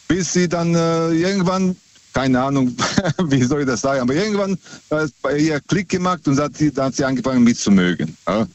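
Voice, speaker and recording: A middle-aged man from Serbia, calling in over the phone and telling his story in a hesitant, halting way with many filler sounds. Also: a little high, dry recording, muffled recording. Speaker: caller. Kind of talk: casual chat.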